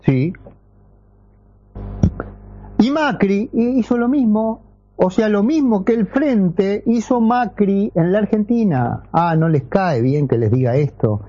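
A middle-aged Uruguayan radio host talking casually, ironic and fond of rhetorical questions. His voice sits a bit high but sounds mellow and dark. It comes through a dull, muffled AM radio broadcast. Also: lively intonation, slow pace. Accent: Uruguayan Spanish. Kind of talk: casual radio talk and commentary. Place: radio studio.

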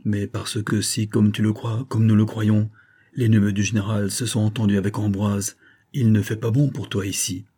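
A man voicing a sad, grave army captain who speaks quietly. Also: on the low side, little pitch movement, moderate pace, husky.

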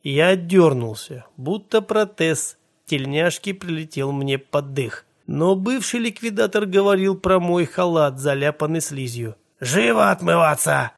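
A man's voice: fairly high pitch, lively intonation, unhurried. A man reading a first-person horror story in a tense, grim manner. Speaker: narrator.

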